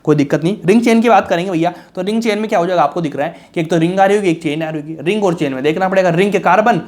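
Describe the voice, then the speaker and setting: A young male chemistry tutor gives a rapid, casual exam-prep lecture in a slightly high voice with a darkish tone. He asks questions and answers them himself, keeping things colloquial and reassuring while calling his students bhaiya and raja.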